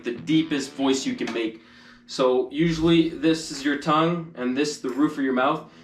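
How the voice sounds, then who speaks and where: A man giving an informal hands-on tutorial as a hunting instructor, explaining loosely and casually. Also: mid-range voice. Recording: distant mic, echoey, music behind.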